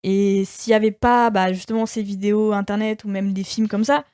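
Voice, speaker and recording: A woman's voice: mid-range voice, little pitch movement, normal speed, mellow, clean tone, no echo. A woman co-hosting a casual film podcast, chatty and slangy, often trailing off. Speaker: podcast co-host.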